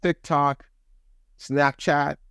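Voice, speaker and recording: A man's voice: fairly high pitch, level tone, vocal fry, fairly bright tone, clear, resonant tone, no echo, clean studio sound. A man co-hosting a podcast, joking about parenting and celebrity news in a playful, exaggerating way. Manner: playful, exaggerating, quick to laugh along. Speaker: podcast co-host. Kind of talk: casual pop-culture chat.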